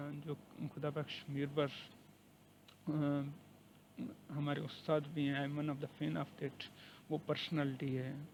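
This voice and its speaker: A man's voice: fairly high pitch, vocal fry, darkish tone, slight background noise, low-quality recording. A man with a Pakistani accent, a university lecturer, talking to camera in an earnest conversational way and slipping English words into his speech. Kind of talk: personal talk to camera. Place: living abroad, recording informally.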